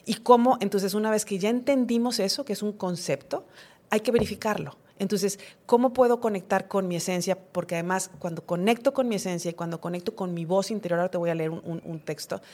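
Middle-aged woman on a podcast, talks things through slowly, keeps acting out little conversations with herself. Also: mid-range voice, darkish tone. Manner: reflective, acts out inner dialogues. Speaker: podcast guest. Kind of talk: conversational interview.

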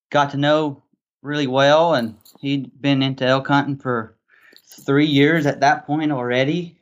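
A man in his mid-twenties speaks with an Arkansas Southern accent at a middling pitch. He chats like a podcast guest, wandering through his story with plenty of "you know". The sound is a little dull and lo-fi. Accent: Arkansas Southern American. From Arkansas, USA. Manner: rambling, peppered with "you know". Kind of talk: casual interview storytelling.

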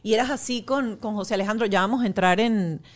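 Woman host, mid-pitched, affirming, asks long thoughtful questions. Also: quick pace. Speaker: podcast host. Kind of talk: warm interview chat. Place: home pantry.

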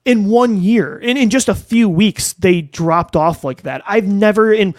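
A man hosts a sports podcast in casual, conversational chat, often sounding incredulous. His voice sits a little higher than most men's. The recording is dry and close. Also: measured pace, darkish tone, no echo. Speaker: podcast host.

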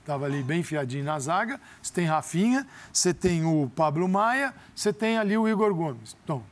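A man's voice: a little high, sing-song, a little fast. A man talking football as a pundit in a studio debate, emphatic and full of rhetorical questions. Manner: emphatic, explains tactics with repeated questions.

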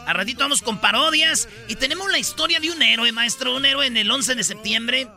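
Radio comedy host, man; high, bright, gravelly delivery, rowdy joke-teller. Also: fairly quick, soft background music. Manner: rowdy, acts out characters with big voice swings. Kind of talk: telling jokes on morning radio.

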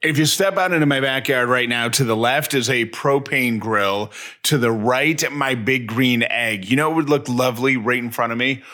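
Reading ads for sponsors, a male podcast co-host keeps things chatty, folksy, and full of enthusiasm. He speaks at normal speed in a medium pitch with a bright, forceful tone.

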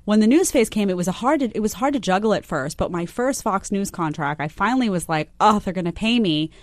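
A woman's voice: medium pitch, lively intonation, brisk, no echo. A woman in casual conversation, chatty and laughing as she tells stories about her early jobs. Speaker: TV news personality. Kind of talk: casual chat.

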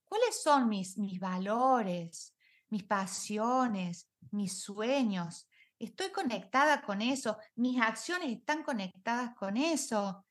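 A woman's voice: on the high side, animated, takes it slowly. A middle-aged woman, a life coach talking in an interview, reflective, with many rhetorical questions and English words mixed in. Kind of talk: conversational interview.

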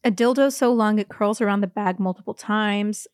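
A woman's voice: medium pitch, moderate pace, clean tone, no echo, clean studio sound. Wry woman podcast co-host. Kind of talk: casual comedic chat.

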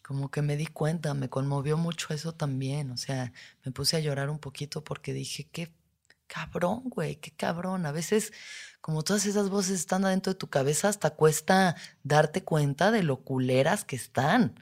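Podcast host: low-pitched Mexican woman, frank personal monologue, slangy and blunt. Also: normal speed, a little mellow. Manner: candid, casual, with frequent slang and swearing.

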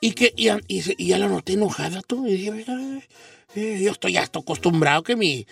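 A man's voice: high-pitched, brisk, vocal fry, husky, far from the mic. A man hosting a radio show in casual banter, playful and teasing, slipping English phrases into his talk.

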